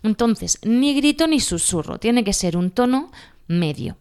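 A woman's voice: a little high, animated, unhurried, a little mellow, clean tone. Chatty Spanish woman teaching. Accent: Spanish from Spain. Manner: chatty, laughs at herself, asks "¿vale?" often. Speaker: teacher giving exam advice. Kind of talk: casual spoken lesson.

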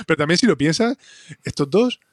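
A man's voice: on the high side, lively intonation, unhurried, no echo, studio quality. A man co-hosting a podcast in casual chat about a sitcom, enthusiastic and laughing often. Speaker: podcast co-host.

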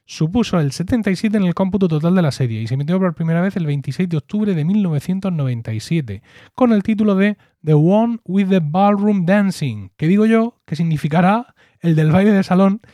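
A man's voice: high voice, animated, brisk, dark tone, no echo. A man from co-hosting a podcast in casual chat, jokey and chatty, often restarting his words. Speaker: podcast co-host.

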